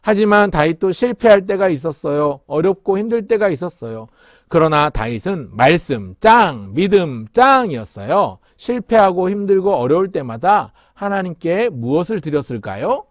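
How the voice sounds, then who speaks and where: A man's voice: high-pitched, big pitch swings, normal speed, dry recording, studio quality. A male pastor giving a children's sermon in a sing-song way, leading the kids in call-and-response.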